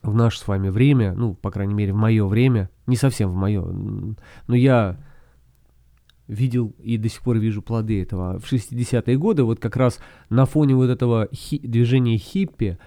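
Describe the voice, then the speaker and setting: A man hosting a solo podcast, explaining things in a reflective, halting, conversational way. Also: lowish voice, warm tone, no room sound, studio quality. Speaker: podcast author and host.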